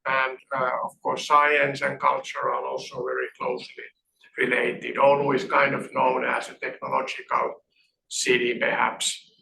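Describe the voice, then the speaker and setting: Gravelly, bright-toned man lecturing in a hall. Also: medium pitch, very animated, slight background noise. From northern Finland. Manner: halting, with restarts and fillers. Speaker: guest lecturer. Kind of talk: academic seminar talk. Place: lecture room. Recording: echoey hall from far off.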